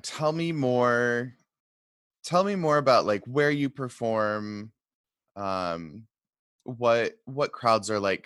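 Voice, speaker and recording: A man's voice: mid-range voice, a bit bright, no echo, studio quality. A man, chatting casually as he interviews a guest. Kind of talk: casual chat.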